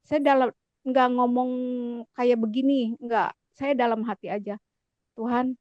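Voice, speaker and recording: A woman giving an earnest, halting personal testimony over a video call, with many fillers and restarts. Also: on the high side, steady tone, no echo. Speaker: testimony giver. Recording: muffled lo-fi video call audio.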